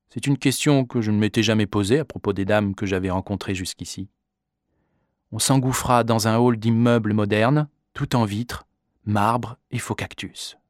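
A man reading a first-person story aloud in a measured, vivid narrating voice. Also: lowish voice, no echo, clean studio sound. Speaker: audiobook reader. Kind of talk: scripted narration.

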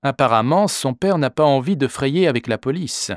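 A man reading a story aloud, voicing a cool, impatient well-off gentleman who speaks dismissively. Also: mid-range voice, expressive, moderate pace, no echo, studio quality, pitched above the performer's own voice, lightly acted. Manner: detached, dismissive.

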